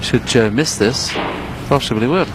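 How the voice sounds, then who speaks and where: A man giving hushed, low-key snooker commentary in a measured, unhurried, analytical way. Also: noisy background.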